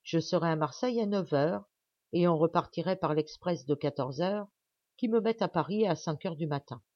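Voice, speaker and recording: A woman's voice: lowish voice, normal speed, a little mellow, no room sound, highs cut off, close to an everyday voice. A woman voicing a proud, angry young woman aviator with a clipped, tense delivery. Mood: curt, resolute.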